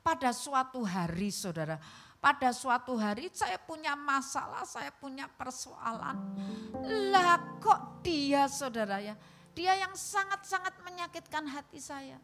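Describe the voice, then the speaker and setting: A woman preacher tinged delivers an emotional, story-driven sermon to her congregation. Her voice sits a bit high for a woman. Instrumental music plays clearly beneath her in a livestreamed church service. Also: animated, a little slow, a bit bright. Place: church hall.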